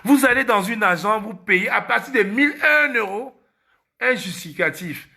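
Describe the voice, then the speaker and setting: A Cameroonian man with a Cameroonian French accent speaks in a high, sharp and gravelly voice. He hosts a casual live stream and drives each point home by repeating it. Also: expressive, normal speed. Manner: emphatic, repeats key phrases.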